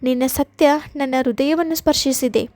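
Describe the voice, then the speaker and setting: A woman voicing a hungry male tiger in a children's storybook, reading his lines with little change from her narration and only a slightly lower tone. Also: normal speed, a little mellow, natural voice. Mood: gruff.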